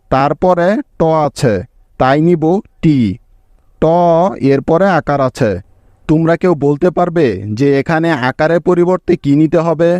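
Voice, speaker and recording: Male teacher, patient lesson voice, spells letter by letter, slightly high pitch, dry close-miked recording. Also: a little mellow, dry recording. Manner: slow, patient, spells out letters one by one and quizzes the viewer.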